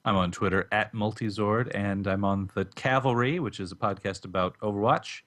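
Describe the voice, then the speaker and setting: A man's voice: fairly low pitch, normal speed, a bit bright. A man co-hosting a gaming podcast over a call, chatty and teasing. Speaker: podcast co-host. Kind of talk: casual podcast chat.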